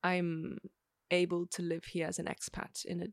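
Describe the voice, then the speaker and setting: A young Australian woman, a podcast guest in a casual conversation, talks reflectively and thoughtfully, leaning on "like" a lot. Her voice is lowish and monotone with vocal fry, at a moderate pace. The studio recording is clean, with no room sound.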